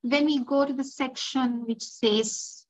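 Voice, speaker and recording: A woman giving a literature lecture, reading passages aloud and checking in with her listeners in a measured way. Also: high-pitched, fairly even intonation, rough recording.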